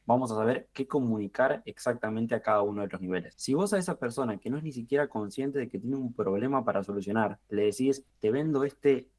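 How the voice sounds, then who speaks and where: A man in his twenties with a Rioplatense Argentine accent, a podcast guest who talks through marketing ideas in a relaxed way, thinking aloud with fillers and restarts. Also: mid-range voice, a little fast, few pauses. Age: 20s. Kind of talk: podcast interview.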